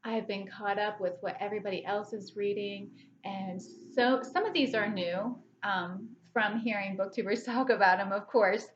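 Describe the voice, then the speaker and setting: A woman's voice: mid-range voice, slight background noise. Rambling woman in her 40s, lo-fi audio. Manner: rambling, chatty, with frequent restarts and fillers. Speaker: book vlogger. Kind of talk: casual chat to camera. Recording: slightly dull lo-fi audio.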